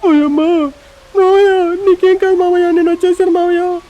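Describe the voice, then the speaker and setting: A man voicing a panicky young boy who wails in a high, worried voice, for a fan-dubbed game story. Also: level tone, moderate pace, dark tone, slight background noise. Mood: frantic. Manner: panicky, wailing.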